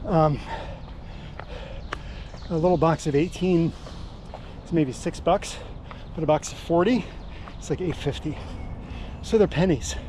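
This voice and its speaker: A man with a slightly high voice talks slowly and casually while out on a run. He rambles in a laid-back vlog style. Clear outdoor and car noise sits around his voice. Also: mellow. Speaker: running vlogger.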